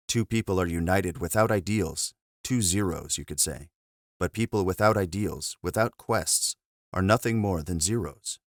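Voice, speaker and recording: A man, a monk, reading a spiritual book aloud in a measured, earnest way after a brief casual intro. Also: low voice, no echo, clean studio sound.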